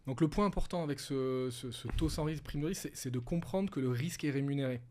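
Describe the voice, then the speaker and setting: A man with a mellow, relaxed voice talks through ideas patiently, one step at a time. He is a middle-aged guest advisor in a casual interview, steady and explanatory. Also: mid-range voice, fast talker, slight background noise. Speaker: wealth management advisor, guest.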